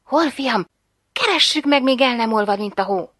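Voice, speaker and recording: Figure: a woman voicing a poor, cheerful mother. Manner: high and excited. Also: no room sound, studio quality. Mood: eager. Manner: bright, excited, laughing.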